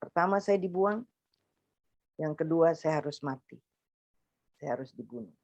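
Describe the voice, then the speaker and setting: A woman with a Makassar Indonesian accent giving a personal testimony to a congregation, acting out the dialogue with sudden jumps in pitch. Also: expressive, unhurried, a little mellow, no room sound, muffled recording.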